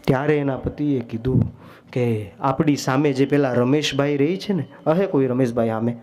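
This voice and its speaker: A young man telling a devotional story sermon, acting out the characters with sudden high, loud outbursts. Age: young adult. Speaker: storyteller preacher.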